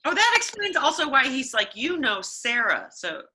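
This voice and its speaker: Animated woman reading fan fiction aloud. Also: sits high, moderate pace. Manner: animated, playful, acts out dialogue. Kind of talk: comic dramatic reading and casual chat.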